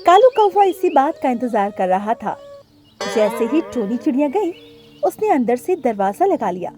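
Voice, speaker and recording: High-voiced woman storyteller. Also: moderate pace, music in the background. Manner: clear, expressive storytelling. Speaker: narrator. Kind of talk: scripted cartoon storytelling.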